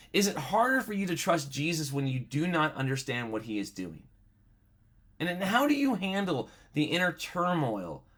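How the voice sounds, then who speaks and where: Male bible study teacher, casual and conversational, storytelling asides, medium pitch. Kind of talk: casual video bible lesson.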